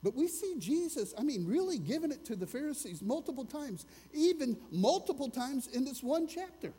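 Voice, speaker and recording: A man's voice: very high voice, sing-song, moderate pace, warm tone, in a large hall. A man preaching a sermon as a pastor, earnest and conversational, asking his listeners questions as he goes.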